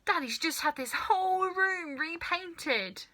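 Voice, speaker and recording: Storybook lad, played by a woman: excitable and worried, calling out in high, leaping tones. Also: takes it slowly, heavily acted. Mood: alarmed. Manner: exclaiming, calling out. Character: excitable, anxious young boy, amazed by his grandmother.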